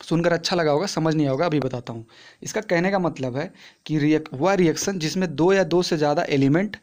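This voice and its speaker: A man's voice: a little high, fairly quick, darkish tone. A young man teaching a science lesson in a chatty classroom way, asking questions and answering them himself. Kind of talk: casual classroom explanation.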